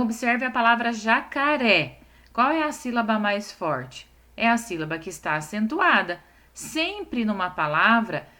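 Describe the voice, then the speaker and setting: A woman in a recorded class for young children, speaking at a middle pitch. She is patient and explains one step at a time, drawing words out slowly to stress each syllable and often pausing to check that the children follow. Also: fairly bright tone. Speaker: primary school teacher.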